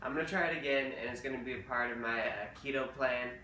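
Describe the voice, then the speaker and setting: Man, casual diet vlogger, rambling and chatty, bright edge, roomy distant sound with faint ambience. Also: medium pitch, fast talker, a little hiss or hum. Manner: rambling, chatty, fillers and restarts. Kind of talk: casual diet update vlog.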